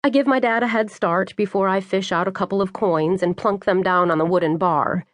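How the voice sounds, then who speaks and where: Woman, audiobook narrator, first-person scripted narration, wry and brisk, close dry studio mic. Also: medium pitch, fairly even intonation, no room sound.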